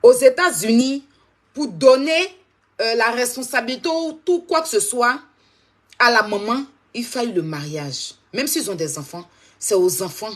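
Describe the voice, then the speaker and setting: A woman's voice: a little high, lively intonation, unhurried. A woman hosting a live stream, talking straight to her viewers and repeating her points insistently.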